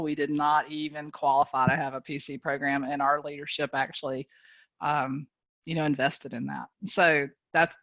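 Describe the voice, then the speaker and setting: A woman with a North Carolina accent, talking in a folksy, animated way as a guest on a video call. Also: low voice, no room sound, lo-fi sound. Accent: Southern US, North Carolina. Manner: folksy, animated, laughs often. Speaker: guest speaker, business leader. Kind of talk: casual motivational chat on a call.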